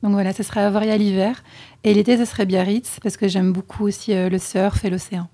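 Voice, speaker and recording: A woman chatting candidly as a podcast co-host being interviewed, often pausing with hesitations. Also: medium pitch, level tone, warm tone. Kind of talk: casual interview answers.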